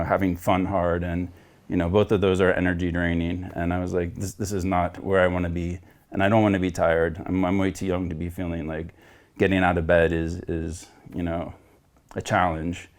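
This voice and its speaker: Speaking flatly at a moderate pace in a low-pitched voice, a man in his forties from Florida recounts his journey as a coaching client over video. The testimonial is candid, earnest and reflective, with rambling and frequent restarts.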